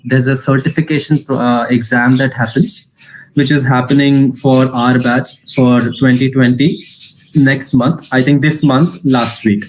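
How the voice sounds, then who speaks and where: A man in his twenties with an Indian accent gives an informal online talk as an alumnus. He speaks quickly, slips Hindi phrases into his English and often restarts his sentences. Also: mid-range voice, slight background noise, low-quality recording. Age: 20s. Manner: fast talker, mixes Hindi into English, frequent restarts. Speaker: alumnus giving a career talk. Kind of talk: informal online info session.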